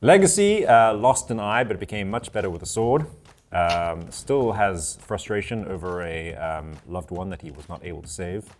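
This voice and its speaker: A man's voice: deep voice, lively intonation, normal speed. A South African man acting as game master, recapping the last session in a loose, chatty way full of ums and uhs.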